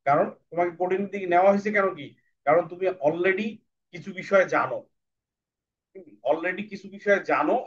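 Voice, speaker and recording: A man teaching an English lesson, explaining step by step and often checking that the listener follows. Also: fairly high pitch. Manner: explanatory, repeats "ঠিক আছে?" to check in. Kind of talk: spoken classroom lesson. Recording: dull lo-fi audio.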